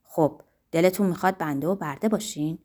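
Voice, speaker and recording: A woman reading an audiobook, voicing an earnest, defiant young man from outside society whose speech is loud and ringing. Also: fairly low pitch, pitched below the performer's own voice, lightly acted. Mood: impassioned.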